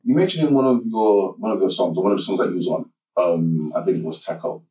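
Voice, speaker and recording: Brief: low-voiced male interviewer, heard from off-mic in a roomy space. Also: warm tone, far from the mic. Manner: measured, recaps before asking. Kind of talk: interview questions.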